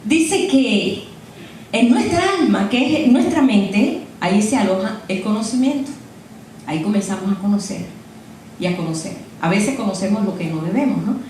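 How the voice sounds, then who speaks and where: A woman's voice: medium pitch, normal speed, darkish tone, a little hiss or hum. An older woman preaching a sermon in a chatty, storytelling way, often tossing in "eh?" to her listeners. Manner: chatty storytelling, frequent "¿eh?" asides. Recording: echoey room picked up from a distance.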